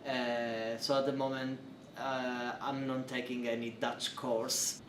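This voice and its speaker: Taking it slowly in a level, medium-pitched voice, a young man from Italy, a PhD researcher, responds to interview questions in accented English, his second language. He hesitates, leaning on fillers, restarting and phrasing things non-natively, while a distant mic picks up a roomy space and faint noise.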